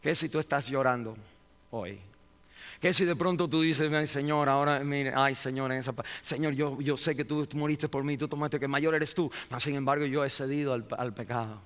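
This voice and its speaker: A man preaching a sermon as pastor, impassioned, building to near-shouted climaxes with frequent restarts. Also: mid-range voice, fairly even intonation, moderate pace. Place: church sanctuary. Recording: long hall reverb.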